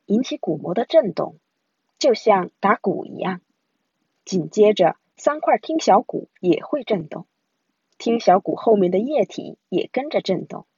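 A woman reading a children's science picture book aloud in an expressive storytelling way. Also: medium pitch, gravelly, husky, no echo, muffled recording. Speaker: storybook reader.

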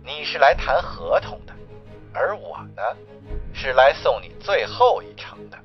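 A man's voice: very animated, measured pace, dull audio, soft background music. Man doing a cold, taunting villain broker. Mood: mocking menace. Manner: low, hushed, mocking delivery.

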